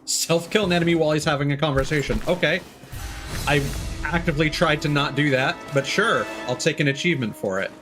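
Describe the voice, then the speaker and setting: Casual and playful, a man comments live while streaming a video game, musing out loud and reading prompts aloud. His voice is on the high side and fairly quick, with music playing in the background.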